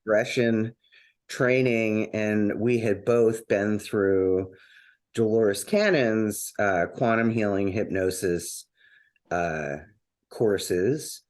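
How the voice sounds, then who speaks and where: A man's voice: fairly low pitch, slow pace. A man hosting a podcast in casual conversation, rambling a little with fillers and restarts. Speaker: podcast host.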